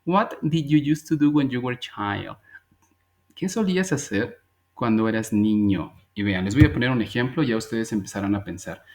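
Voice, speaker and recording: A man's voice: medium pitch, animated, normal speed. A man teaching an English grammar class, patiently explaining step by step and repeating each phrase before checking that students follow. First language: Spanish.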